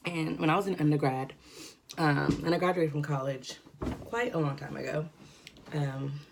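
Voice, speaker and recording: Low, gravelly woman chatting while eating. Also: normal speed, noisy background. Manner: rambling, filler-heavy, relaxed. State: congested, breathing heavily from a cold. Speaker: mukbang vlogger. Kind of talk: casual chat while eating. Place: at home indoors.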